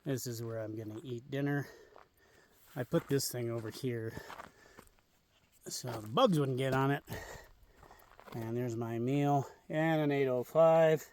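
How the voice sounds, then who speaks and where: A man's voice: medium pitch, unhurried, pauses often, a little mellow, distant mic, slight background noise. A man casually vlogging from a clifftop campsite outdoors, rambling with lots of fillers. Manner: rambling, easygoing, many fillers. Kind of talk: casual camping vlog.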